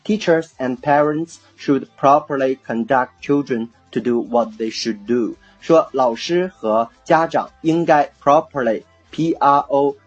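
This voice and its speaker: Chinese guy teaching english words, husky voice, spells stuff out letter by letter, faint music underneath. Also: medium pitch, slow, hardly any pauses, dull audio. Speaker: English vocabulary teacher and podcast host. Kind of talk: casual radio-style vocabulary lesson.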